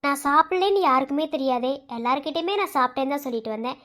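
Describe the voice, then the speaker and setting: A woman voicing a young man who questions quietly and calmly in a cartoon story. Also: high voice, very fast, pitched below the performer's own voice. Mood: suspicious.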